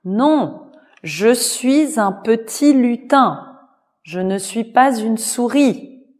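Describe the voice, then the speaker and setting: Tiny clever male elf, woman voicing, squeaky high voice, insistent, very slow, storybook. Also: animated, darkish tone. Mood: protesting.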